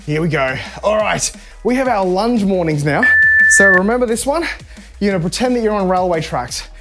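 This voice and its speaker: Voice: mid-range voice, animated, normal speed, over loud music. An instructor coaching a live home workout, chatty and encouraging while demonstrating the moves. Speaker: fitness instructor.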